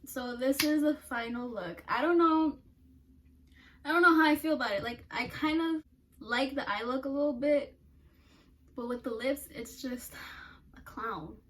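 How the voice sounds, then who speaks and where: A woman's voice: high-pitched, measured pace, pauses often, fairly bright tone. A young woman doing a casual makeup vlog, blunt and self-mocking, swearing freely and laughing at herself. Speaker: beauty vlogger. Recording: somewhat distant mic with faint noise.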